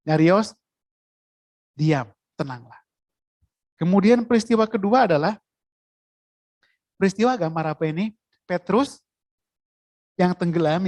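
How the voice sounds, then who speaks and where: A preacher giving a sermon, in a lively way, asking the listeners questions. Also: medium pitch, no room sound.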